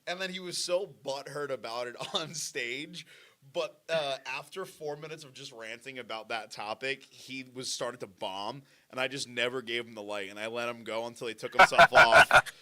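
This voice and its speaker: A man's voice: medium pitch, bright, forceful tone, a little hiss or hum. A man in his twenties, a stand-up comic, telling stories in a hyper, rambling way with many restarts. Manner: fast, hyper storytelling with frequent restarts and laughs. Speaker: stand-up comic and podcast guest. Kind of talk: casual chat.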